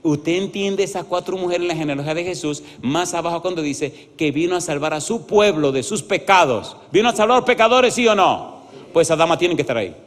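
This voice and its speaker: A man preaching an animated sermon as pastor, often asking the congregation yes-or-no questions and acting out voices in his stories. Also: fairly high pitch, fairly quick. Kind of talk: lively evangelical sermon with acted-out stories. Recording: reverberant church hall.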